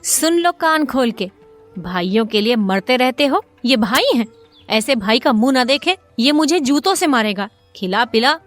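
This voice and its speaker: A fiery village wife with a sharp tongue, voiced by a woman narrator. She shrieks high and loud in a scolding, insulting storybook voice, with faint music behind her. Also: expressive, a little slow. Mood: wailing defiant. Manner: shrill, scolding, hurling insults.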